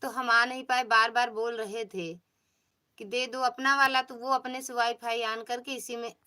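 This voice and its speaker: A woman's voice: a little high, steady tone, moderate pace, bright, forceful tone. A woman host, chatting casually on a phone livestream, greeting viewers by name and coaxing them. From Pratapgarh, Uttar Pradesh. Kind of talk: casual livestream chat, reading viewer comments.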